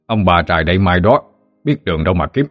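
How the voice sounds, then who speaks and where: A man's voice: low-pitched, animated, fast talker, soft background music. A man doing a kindly old ghost grandfather. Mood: gentle.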